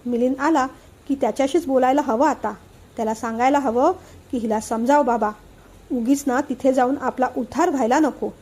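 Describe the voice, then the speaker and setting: A woman's voice: sits high, mellow. A woman voicing a short-tempered elderly father who lectures and scolds his daughter in a storybook reading. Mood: worried.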